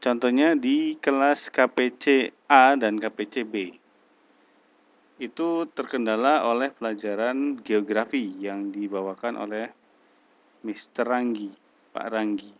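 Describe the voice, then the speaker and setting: A man's voice: mid-range voice, unhurried, highs cut off. A man teaching an English class online, talking in a hesitant way with many restarts and mixing in English phrases. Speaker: English tutor.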